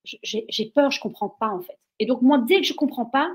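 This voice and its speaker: A Belgian woman guesting on an interview tells stories energetically, getting carried away as she goes. Her voice is on the high side and she talks a little fast. There's slight background noise.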